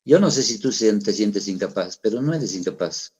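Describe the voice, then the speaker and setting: Middle-aged pastor preaching conversationally. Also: male voice, fairly low pitch, lively intonation, normal speed, a little mellow, breathy edge. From Peru. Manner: conversational preaching with rhetorical questions. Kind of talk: sermon.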